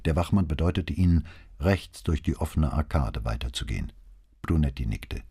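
A man narrating an audiobook in an even, measured way. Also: rumbling low, breathy edge. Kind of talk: audiobook reading.

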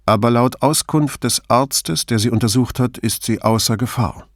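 A man voicing a calm, direct middle-aged police commissioner who speaks politely and matter-of-factly. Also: medium pitch, normal speed, dry recording, clean studio sound, natural voice.

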